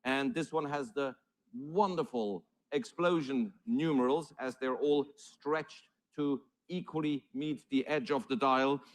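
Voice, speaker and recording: A man's voice: mid-range voice, unhurried. A man working as an auctioneer, calling numbers and bids live in formal, courteous patter.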